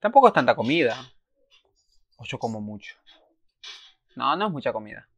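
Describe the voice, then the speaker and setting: Reading subtitles aloud and breaking in with exclamations, a male reaction-video host in his twenties with an Argentine Spanish accent keeps things casual. His mid-range voice swings widely in pitch, sounds a bit bright with a breathy edge, and moves at a moderate pace.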